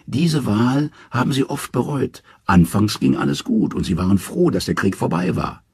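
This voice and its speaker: A man voicing the revived severed head of a wise old man, speaking gravely. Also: medium pitch, big pitch swings, moderate pace, no echo, studio quality, voice pushed up, heavily acted.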